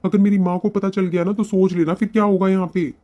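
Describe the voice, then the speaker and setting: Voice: medium pitch, little pitch movement, fast talker, warm tone, dull audio, lightly acted. An actor voicing a kind, idle young husband in a cartoon who talks in an eager, reassuring way. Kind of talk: cartoon voice acting.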